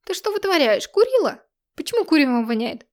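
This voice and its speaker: A shrill, furious mother screaming at her daughter, her voice high and piercing, as a woman narrator puts her on. She scolds in loud, pitched-up bursts, as in a dramatic audiobook. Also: animated, slow. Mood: shrieking. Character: shrieking furious middle-aged mother.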